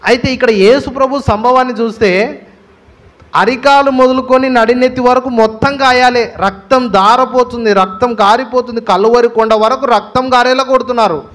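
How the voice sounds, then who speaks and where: A male pastor with a Telugu accent preaches with a lot of emphasis. His voice sits high for a man, and he leans on repetition and rhetorical questions to drive each point home. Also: steady tone, moderate pace, fairly bright tone. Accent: Telugu, Andhra Pradesh. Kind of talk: sermon.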